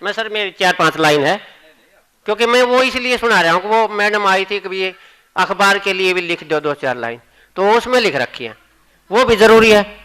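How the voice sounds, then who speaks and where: A Haryanvi man performs comic verse with a high, bright voice. He trades joking asides with his listeners at a college poetry gathering. His delivery is chatty and rhythmic. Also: normal speed, clean tone, rough recording. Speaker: poet. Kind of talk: humorous poetry recital.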